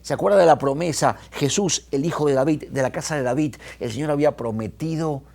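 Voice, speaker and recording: Brief: male pastor, lively sermon delivery, swings in pitch and pace. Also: brisk, vocal fry. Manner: animated, retells scenes with quoted voices, restarts.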